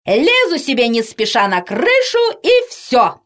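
A woman's voice: high-pitched, wildly swooping pitch, slow pace, voice pushed up, exaggerated voice. A woman voicing a spry, feisty old grandmother who talks with dignity and scolds. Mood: scolding.

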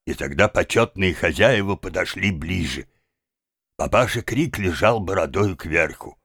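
A man's voice: deep voice, lively intonation, measured pace, fairly bright tone, slightly rough, no room sound. A man narrating a story as an audiobook, with dramatic, rising and falling emphasis, on a close microphone.

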